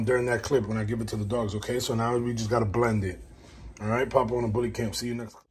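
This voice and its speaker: A dog breeder rambles chattily through a how-to vlog at home, talking as he works. His voice is mid-range and fairly bright, and the home recording is noisy.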